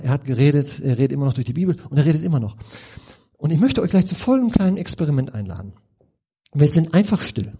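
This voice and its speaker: A man's voice: fairly high pitch, warm tone, husky. A middle-aged man preaching a sermon in a conversational, informal way, with rhetorical questions and frequent restarts.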